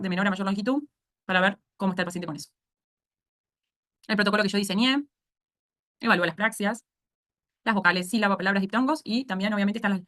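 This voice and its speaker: A woman with a Rioplatense accent teaching an online speech therapy course at a brisk, rapid pace. She explains each step patiently and keeps checking that her students follow along. Her pitch sits in a mid range for a woman. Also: fairly bright tone. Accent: Rioplatense Spanish. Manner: explanatory, asks "¿sí?" to check understanding.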